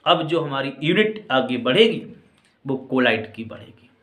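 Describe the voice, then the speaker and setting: A man teaching chemistry in a lecture, explaining step by step, calling his students children and often asking whether everything is clear. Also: medium pitch, expressive, normal speed, fairly bright tone. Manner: addresses students as children and friends. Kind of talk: classroom-style lecture. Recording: echoey room.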